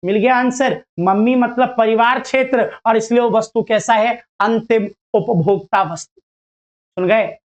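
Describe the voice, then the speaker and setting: A man's voice: very high voice, unhurried. A male teacher giving a casual lecture to students, chatty and playful, acting out little dialogues as he explains.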